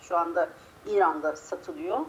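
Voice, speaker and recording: A woman's voice: on the low side, normal speed. Woman poet with a slightly strangled, muffled voice. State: a little unwell, voice slightly choked. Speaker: poet being interviewed. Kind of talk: conversational interview with a poetry reading. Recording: clear background noise.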